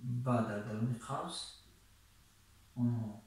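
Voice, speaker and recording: Male teacher with a Tajik accent, measured and deliberate, heard from a distance in a very reverberant room. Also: medium pitch. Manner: reads English examples slowly, then translates briskly. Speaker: English teacher. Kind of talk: language lesson. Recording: very echoey room, voice far from mic.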